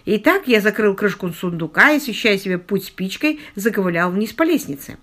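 A woman's voice: mid-range voice, animated, a little fast, a bit bright. A woman voicing a beaten-up young Englishman who jokes his way through his ordeal, in an audiobook. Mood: wry. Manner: ironic, lightly self-mocking. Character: battered, wry young Englishman, joking despite injuries.

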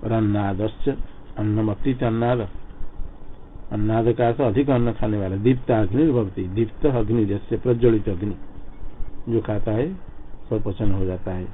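A man teaching scripture as a lecture. He recites each verse slowly and then explains it word by word. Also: on the low side, fairly even intonation. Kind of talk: line-by-line scripture commentary lecture. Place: ashram classroom. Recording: phone-like lo-fi recording with faint noise.

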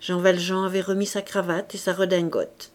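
A woman narrating a classic novel audiobook in a careful, even reading. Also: on the low side, moderate pace. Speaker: audiobook reader.

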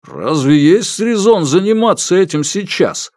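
A calm, guarded middle-aged man, measured and firm, his voice set somewhat above the reader's own. A man acts him out in a dry, close reading. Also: high-pitched, dry recording, voice pushed up, exaggerated voice.

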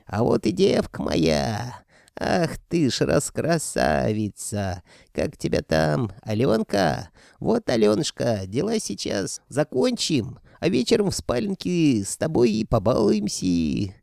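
A man voicing a gloating, lecherous male sorcerer who drawls slowly and squabbles shrilly with himself. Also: wildly swooping pitch, vocal fry, a little mellow, no room sound, studio quality, full character voice. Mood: leering. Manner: leering, shrill bickering with himself.

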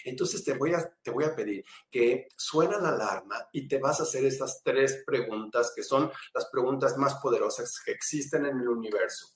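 Guy doing spiritual self-help talk, mid pitch, keeps repeating himself, roomy echo. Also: moderate pace, hardly any pauses. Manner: animated, repeats phrases, asks rhetorical questions. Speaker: spiritual therapist guest.

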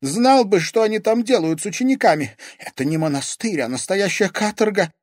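A man voicing an angry young woman, a sorcerer's rebellious daughter, shouting bitterly in an audiobook. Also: sits high, animated, brisk, no room sound, studio quality, pitched above the performer's own voice. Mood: furious.

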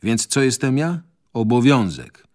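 A man's voice: mid-range voice, sing-song, measured pace, darkish tone. A man voicing a proud, easily offended young German man in a radio reading of a novel. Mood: earnest. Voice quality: earnest, indignant.

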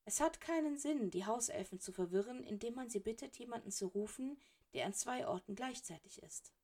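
A woman's voice: fairly high pitch, expressive, fairly quick, pitched above the performer's own voice. Woman reading as jovial old headmaster wizard. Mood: calm. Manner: bright, soothing, jovial. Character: cheerful elderly male headmaster wizard, unflappable. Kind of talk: audiobook character reading.

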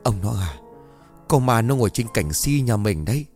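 A man's voice: lowish voice, lively intonation, normal speed, a little mellow, faint music behind. A man voicing a frightened village wife who stammers in broken, fearful speech. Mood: terrified. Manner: stammering, breathless with fear. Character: frightened middle-aged peasant wife, trembling.

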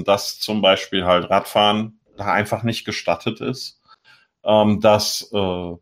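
A middle-aged man co-hosting a casual talk show, ranting in an exasperated way. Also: lowish voice. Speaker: podcast co-host. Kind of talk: casual chat.

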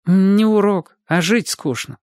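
A man's voice: sits high, slow, darkish tone, dry recording, studio quality, voice pushed up. A man doing a proud touchy schoolboy. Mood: guarded. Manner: stiff, guarded. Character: proud touchy schoolboy, trying to look calm.

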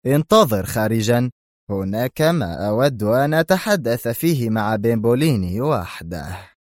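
A man voicing an angry mafia boss in an audiobook, talking slowly and heavily and shouting his orders. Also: mid-range voice, animated, no room sound, studio quality, natural voice. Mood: stern. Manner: shouting, slow and heavy. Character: furious Italian mafia boss, older man. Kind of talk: audiobook character voice.

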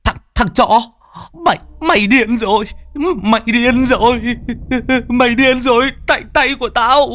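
Young thug, maimed, screeching and stammering in panic, very high, dry sound. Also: male voice, steady tone, unhurried, fairly bright tone, no echo. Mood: panicked shrieking. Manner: stammering, hysterical.

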